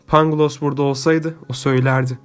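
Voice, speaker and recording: A man's voice: medium pitch, level tone, fairly quick, faint music behind, lightly acted. A man reading an audiobook, voicing a naive, earnest young man who talks eagerly and exclaims often. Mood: plaintive.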